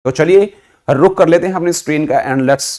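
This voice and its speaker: A man's voice: on the high side, moderate pace, darkish tone. An Indian man teaching an online English vocabulary lesson, mixing Hindi and English and asking and answering his own questions.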